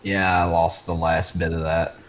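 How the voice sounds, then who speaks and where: Very deep-voiced, slow-talking man. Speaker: player. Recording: echoey room with steady background noise.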